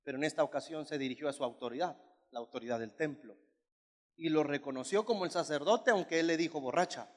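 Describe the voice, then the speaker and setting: A man's voice: on the high side, fast. A male pastor preaching a sermon, emphatic and repetitive as he tells a story. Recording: long church hall reverb.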